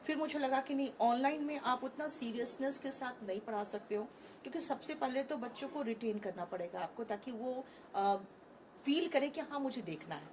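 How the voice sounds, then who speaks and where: A woman in her thirties answers interview questions on a conference stage with frank, animated energy, slipping English phrases into her Hindi. Her voice sits slightly high. A faint wash of hall noise lies underneath. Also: moderate pace. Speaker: online English teacher.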